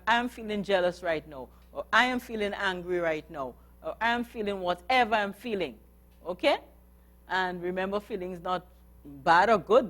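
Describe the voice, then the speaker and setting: A woman leads a workshop for a live group in an even, mid-pitched voice. She coaxes her listeners along, keeps asking them questions and talks them through each step. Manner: earnest, coaxing, asks the audience questions. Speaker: religious sister giving a talk. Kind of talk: workshop talk on nonviolent communication.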